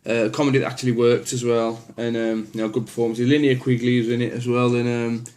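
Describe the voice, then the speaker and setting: A man's voice: mid-range voice, flat delivery, fast, darkish tone. Male collector, easygoing and rambling, frequent fillers and restarts, plain opinions. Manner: rambling, lots of ums and restarts. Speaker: horror film collector. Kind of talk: casual collection walkthrough.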